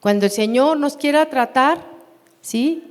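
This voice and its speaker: In a church hall with long reverb, a woman with a Mexican Spanish accent leads a Bible class. She talks slowly and unhurriedly in a high pitch, often pausing to ask the class questions.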